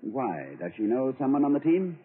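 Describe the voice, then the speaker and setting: A man's voice: medium pitch, sing-song, moderate pace, slight background noise, natural voice. A man playing a grandiloquent, whimsical college president. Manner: grandiloquent, playful, poetic flourishes. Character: whimsical, pompous middle-aged male college president. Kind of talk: 1940s radio acting. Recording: tinny old radio broadcast.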